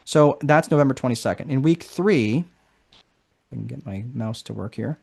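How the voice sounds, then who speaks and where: A man's voice: medium pitch, moderate pace, gravelly, a little mellow, husky. A man hosting a live online course session in a casual, chatty way, often tagging sentences with "right?". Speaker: marketing strategist presenting a course.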